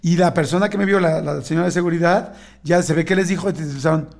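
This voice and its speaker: A man's voice: fairly high pitch, fast talker, creaky. A middle-aged man with a Mexican accent, telling a story in casual chat and acting out the other people's lines. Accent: Mexican Spanish. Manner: animated storyteller acting out dialogue.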